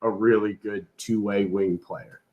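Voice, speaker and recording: A man's voice: lowish voice, little pitch movement, a little slow, narrow, tinny audio. A man in a casual sports debate, talking basketball as a fan on a panel. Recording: roomy echoing room sound.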